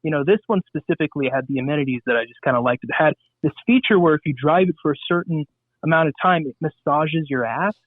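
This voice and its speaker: A male radio guest from Southern California talks quickly at a fairly high pitch in a casual radio interview. His delivery is loose and rambling, full of fillers and crude humor, and the dry recording has a tinny phone-line sound with no echo.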